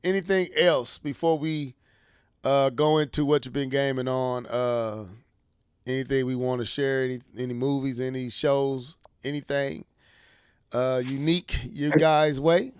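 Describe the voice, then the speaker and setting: A man hosting a casual gaming stream, playful and often loud as he chats with his co-hosts. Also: medium pitch, steady tone, measured pace, smooth, dry recording. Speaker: podcast host.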